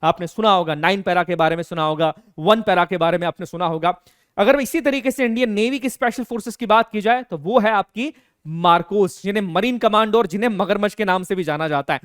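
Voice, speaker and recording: An earnest man lectures students in an emphatic, direct way. His voice is high and smooth. The recording is dry and close. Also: fairly quick, fairly bright tone, dry recording. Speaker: teacher. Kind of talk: educational lecture.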